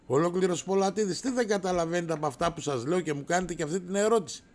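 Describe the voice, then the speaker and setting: A middle-aged man hosting a casual livestream, brash and rowdy, swearing and raising his voice as he answers viewers. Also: sits high. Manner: raises his voice to shout.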